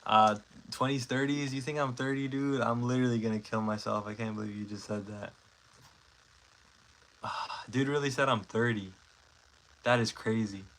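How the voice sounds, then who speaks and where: This low-quality recording captures a man's mid-range, fairly bright voice at a moderate pace, with fairly even intonation and long pauses. He's a stop-motion creator from Mexico in his twenties, chatting casually on a livestream and reading comments while rambling with lots of fillers and self-corrections.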